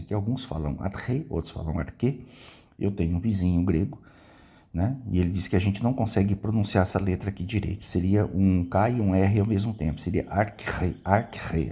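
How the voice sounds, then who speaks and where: Man, Brazilian accent, deep voice, mellow, informal Bible lesson, conversational. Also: breathy edge. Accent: Brazilian Portuguese. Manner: conversational, frequent tag questions. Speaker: Bible teacher.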